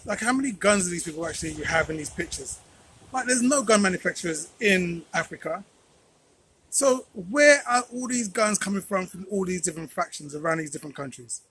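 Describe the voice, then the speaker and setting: A man's voice: sits high, a bit bright, a little hiss or hum, low-quality recording. A man hosting a political commentary channel, talking conversationally with rhetorical questions and repeated phrases.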